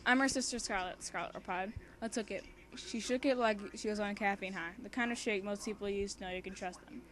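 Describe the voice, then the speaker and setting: With a little hiss or hum in the recording, a young woman talks fast as she reads a story aloud, homemade and casual. The amateur fan fiction reader and co-host has a medium-pitched voice, giggles excitably, and wanders easily between the text and chatty asides.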